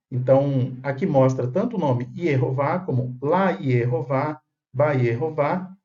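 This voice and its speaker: A man's voice: on the high side, dark tone, lo-fi sound. A man giving a video lesson on old manuscripts, explaining step by step and often checking in with his viewers. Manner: didactic, checks in with "tá?" and "né?". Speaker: Bible manuscript lecturer.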